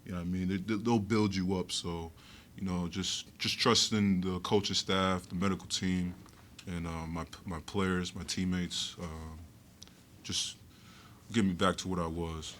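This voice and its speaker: A young college basketball player answering postgame questions in a measured way, with many pauses and fillers. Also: male voice, deep voice, steady tone, fairly bright tone, slight background noise. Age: young adult. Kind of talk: postgame press conference answers.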